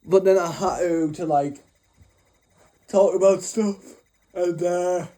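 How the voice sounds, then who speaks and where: A man's voice: high voice, fairly even intonation, slow, dark tone. A young man telling a rambling, sweary storytime rant, sleepy after just waking up. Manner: rambling, swears freely, mocking. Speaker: channel host.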